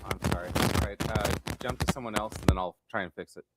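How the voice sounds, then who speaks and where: A man's voice: fairly low pitch, quick pace, very noisy. A male caller on a call-in show whose mic keeps cutting out, so his volume rises and drops; he speaks politely and apologetically. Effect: mic cutting out, uneven volume. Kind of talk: casual call-in chat.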